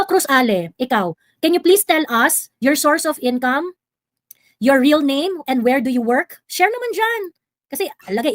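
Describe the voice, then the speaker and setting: Woman livestream host, high and dry close-mic voice, sarcastic and combative. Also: no room sound. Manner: sarcastic, confrontational, mixing Tagalog and English. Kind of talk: heated livestream commentary.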